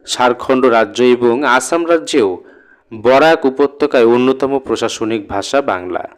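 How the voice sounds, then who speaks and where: A man reads a grammar lesson aloud at an unhurried pace, with an even, middle-pitched voice. He stops now and then to speak directly to his students. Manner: slow, deliberate reading with spoken asides to students. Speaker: teacher. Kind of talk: reading and explaining a grammar lesson.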